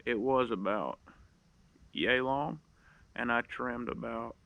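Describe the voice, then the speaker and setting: A man's voice: mid-range voice, slow, gravelly, sharp tone. A man giving a casual, plain-spoken how-to tutorial, showing each step and repeating the key points. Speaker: duck call instructor.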